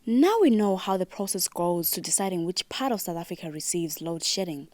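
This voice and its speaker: A woman's voice: on the low side, lively intonation, a little fast, a little mellow, a little hiss or hum. A woman news presenter reading a satirical report in a straight-faced, dry delivery. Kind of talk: mock-serious news narration.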